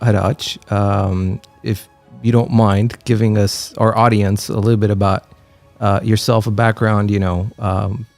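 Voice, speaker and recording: A man's voice: lowish voice, level tone, a little slow, a little mellow, no room sound, faint music behind. Friendly male podcast host. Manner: friendly, filler-heavy interviewing. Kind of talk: casual podcast hosting.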